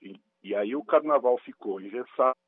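A man's voice: mid-range voice, moderate pace, dry recording. A man calling in to a radio interview as a guest spokesman, on a glitching line that keeps cutting out, explaining at length with many "é" and "né" tags. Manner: long explanations full of "é" and "né" tags. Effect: glitching audio, the call keeps cutting out. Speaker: guest spokesman for a carnival bloc collective. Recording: tinny phone line breaking up.

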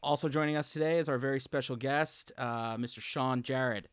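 A man's voice: medium pitch, steady tone, a little fast, clean tone, dry recording. A man hosting a film franchise podcast, reading a scripted intro with a dry, wry edge, then chatting casually with his co-hosts. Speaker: podcast host.

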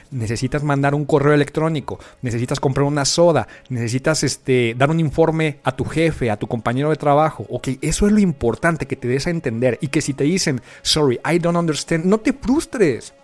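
A man with a Mexican accent, an English teacher giving a friendly, chatty podcast lesson with frequent filler pauses. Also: mid-range voice.

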